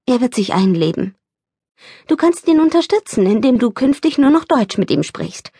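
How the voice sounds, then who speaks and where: A woman voicing a weary mother in an audiobook, calming at first and giving firm commands. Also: fairly high pitch, moderate pace, breathy edge, no echo, clean studio sound, voice pushed up, heavily acted. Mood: soothing. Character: weary mother, soothing then stern.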